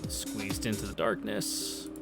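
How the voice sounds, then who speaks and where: A man with a fairly low, gravelly voice reads a visual novel slowly and with flat delivery in a casual let's play. Over video game music, he drops wry asides along with reactions and anecdotes.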